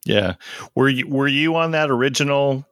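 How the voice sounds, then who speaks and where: A man's voice: medium pitch, normal speed, a bit bright, no echo, clean studio sound. A man hosting a podcast, chatting casually with a guest in an informal interview style. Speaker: podcast host.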